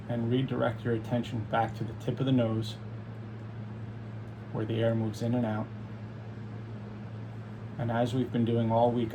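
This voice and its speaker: A man leading a guided meditation as a teacher, speaking calmly and soothingly in unhurried instructions with long pauses. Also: mid-range voice, creaky, background noise.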